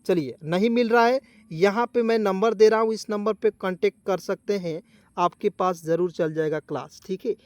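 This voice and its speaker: In a Hindi-language lesson, a man teaches English spelling and pronunciation, spelling words out letter by letter and asking viewers to repeat them. His voice is high-pitched and moderately paced, with no echo.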